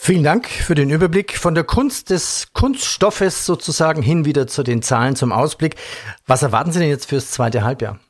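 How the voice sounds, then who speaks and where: A man interviewing a company executive, asking direct questions and listing topics briskly. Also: a little high, lively intonation, no room sound, clean studio sound. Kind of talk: business interview.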